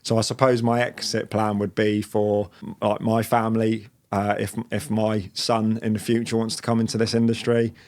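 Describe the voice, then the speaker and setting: In this casual interview chat, a late-twenties businessman speaks as a guest in a voice on the low side. His pace is moderate with few pauses, and his relaxed, rambling talk is sprinkled with fillers and restarts.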